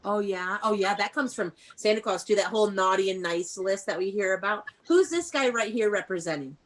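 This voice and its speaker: Over a video call, an American woman teaches young children with an interactive read-aloud, asking them questions and praising them. She's an elementary school teacher with a mid-range voice and a brisk delivery.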